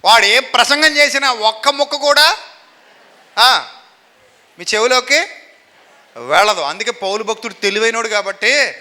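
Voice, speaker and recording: A male pastor preaching a sermon, animated and constantly questioning his congregation so they call answers back. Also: extremely high pitch, normal speed, long pauses. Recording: long hall reverb.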